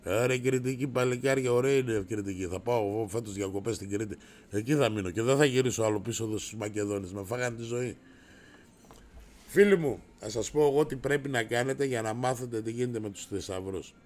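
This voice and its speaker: A middle-aged man hosting a casual livestream, brash and rowdy, swearing and raising his voice as he answers viewers. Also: mid-range voice. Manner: raises his voice to shout.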